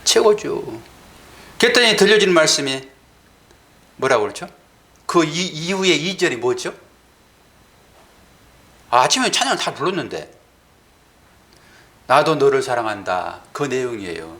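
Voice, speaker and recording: A middle-aged male pastor giving a conversational sermon, asking the congregation questions and voicing God's replies in a low, slow tone. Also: very animated, bright, forceful tone.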